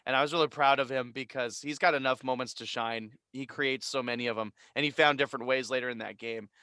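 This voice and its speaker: Upbeat co-host, man, bright crisp voice, close and dry. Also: mid-range voice, fairly even intonation, dry recording. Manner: upbeat, quick affirmations. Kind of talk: casual recap chat.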